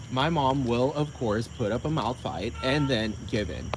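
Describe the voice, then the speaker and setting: A man's voice: mid-range voice, noisy background. A man from the United States on a casual, rambling rant, sassy and profane, often asking rhetorical questions.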